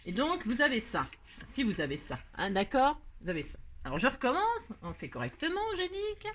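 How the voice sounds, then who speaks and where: A woman's voice: fairly high pitch, wildly swooping pitch, fairly quick, fairly bright tone, a little hiss or hum. A woman hosting a casual craft tutorial, chatty and scatterbrained, laughing at herself as she works. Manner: sings playfully while working.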